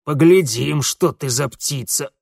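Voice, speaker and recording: A man's voice: mid-range voice, a little slow, vocal fry, a little mellow, slightly rough, dry recording, clean studio sound. A man voicing an obsequious rustic village police sergeant who whines and grovels. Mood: smug. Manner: whining, obsequious.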